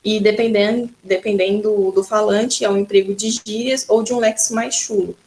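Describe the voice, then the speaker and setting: A woman's voice: medium pitch, steady tone, normal speed, darkish tone. A woman teacher with a Brazilian accent giving a recorded school lesson, patiently explaining and often starting her sentences with "então". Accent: Brazilian Portuguese.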